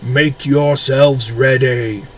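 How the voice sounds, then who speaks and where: Big imperious army boss yelling orders, read by a guy. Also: slow, a little hiss or hum, natural voice. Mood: commanding. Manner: booming, commanding shouts. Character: booming male army commander, stern and imperious.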